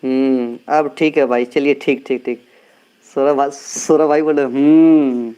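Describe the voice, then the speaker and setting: A man's voice: medium pitch, fairly even intonation, measured pace, a little mellow, smooth, poor audio. A man hosting a live stream, chatting casually with viewers and teasing them by name. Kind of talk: casual live chat reading comments. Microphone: earphone mic.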